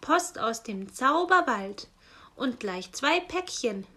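A woman's voice: sing-song, slow pace, pushed and bright, breathy edge, heavily acted. A woman voicing a friendly male cat who mews in a storybook. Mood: happy. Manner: high voice with meows. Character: male house cat, mewing.

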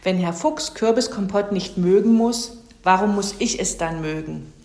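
High chirpy kid hedgehog, curious, roomy echo, woman reader. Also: moderate pace, darkish tone, natural voice. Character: cheeky young boy hedgehog.

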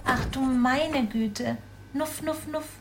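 A woman's voice: fairly high pitch, slow, slight background noise. A woman voicing a fussy, motherly hedgehog mother who snuffles between her words, in a children's audio story. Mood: fussed.

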